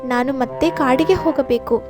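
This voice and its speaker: A woman reading a calm, truthful mother cow. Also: sits high, moderate pace, over loud music, lightly acted.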